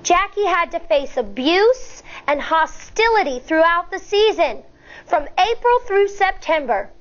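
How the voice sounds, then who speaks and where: Slightly dull, lo-fi audio captures a high-voiced woman reading to young listeners in an elementary-school-teacher style. She tells the story and explains things in an expressive, deliberate way, adding teaching asides along the way.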